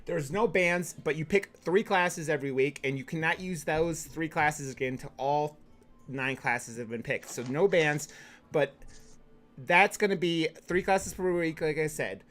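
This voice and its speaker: Guy doing esports casting, kinda high voice, chatty and casual, explains stuff as he goes. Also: measured pace, a bit bright, faint music behind. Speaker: esports match caster and host. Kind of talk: esports caster, casual match introduction.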